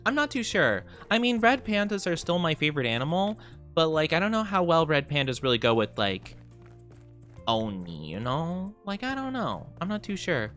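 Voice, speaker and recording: A male game streamer chats casually with his viewers over soft music. His pitch swings freely up and down as he gushes thanks and greetings. He is bubbly and cutesy, often cooing. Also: big pitch swings, moderate pace. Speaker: VTuber streamer host. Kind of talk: casual livestream chat while playing a game.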